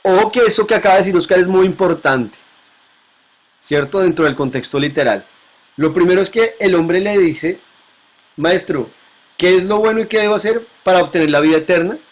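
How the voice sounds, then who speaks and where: A male teacher leads a classroom Bible lesson. His voice sits somewhat high, and he keeps asking his students questions and repeating the key points back to them. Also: fairly quick.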